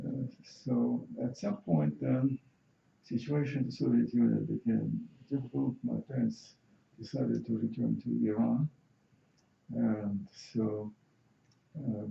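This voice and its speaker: An older man from Azerbaijan with a Russian accent, slowly answering interview questions with many halting fillers. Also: medium pitch, vocal fry. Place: university building. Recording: echoey room, muffled sound, faint hiss.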